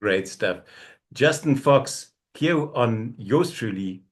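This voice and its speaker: A man's voice: mid-range voice, expressive, slow pace. A man hosting a book interview show, teasing his guest and laughing often in casual chat. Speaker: radio show host.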